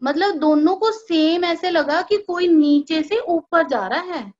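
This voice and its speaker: A young adult woman, telling a personal devotional story in a casual, animated way and acting out the dialogue of others. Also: very high voice, slow. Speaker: devotee sharing a personal experience. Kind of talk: casual spoken testimony. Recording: dull lo-fi recording.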